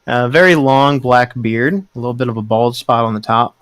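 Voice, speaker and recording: A man narrating a tabletop game as game master, describing scenes slowly. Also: mid-range voice, a bit bright, no echo.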